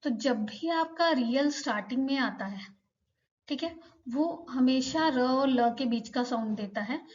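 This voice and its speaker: धीरे बोलने वाली महिला शिक्षिका, धीमी आवाज़. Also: female voice, high voice, lo-fi sound. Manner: patient, repeats each sound slowly for learners. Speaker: Korean language teacher. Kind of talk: slow explanatory lesson.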